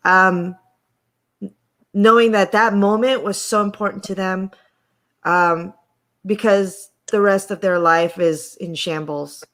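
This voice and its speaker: A woman hosting a relaxed conversation over a video call, at a middle pitch for a woman. She speaks in an encouraging, emphatic way, stressing her points and checking in with her listener. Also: slow, long pauses. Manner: encouraging, emphatic, tags questions with "okay?". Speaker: host. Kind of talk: casual chat.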